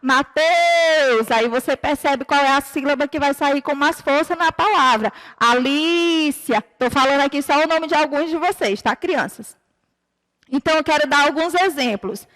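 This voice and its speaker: Brazilian lady teacher, high voice, patient and clear with the kids, stretches out example words. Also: moderate pace, a bit bright, long reverb tail. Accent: Brazilian Portuguese. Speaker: primary school teacher. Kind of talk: recorded online lesson for children.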